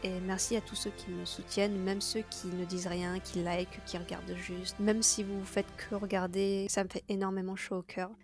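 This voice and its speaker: Chatty young woman with soft music. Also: mid-range voice, creaky. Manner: chatty, with fillers and asides. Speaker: anime video host. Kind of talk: casual chat reviewing a season's releases.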